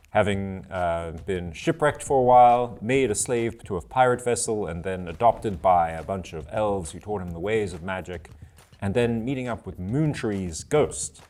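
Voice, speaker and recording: A man's voice: lowish voice, a little mellow. A South African man acting as game master, recapping the last session in a loose, chatty way full of ums and uhs.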